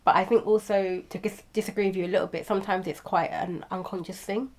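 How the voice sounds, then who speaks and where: In a casual philosophical chat, a woman asks questions and weighs ideas conversationally, using fillers along the way. Her mid-range voice moves at a quick pace with fairly even intonation.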